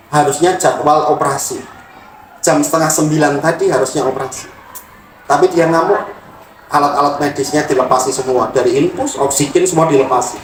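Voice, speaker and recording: A man's voice: on the high side, a little hiss or hum, close to an everyday voice. A man voicing a tearful, overwhelmed middle-aged wife, heard in a roomy room from a distant mic.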